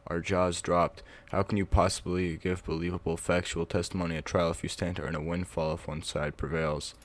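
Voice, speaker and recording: A man's voice: low voice, level tone, a little fast. A man reading stories aloud for his vlog in a casual, offhand way, with mumbled asides. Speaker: Reddit reading vlogger.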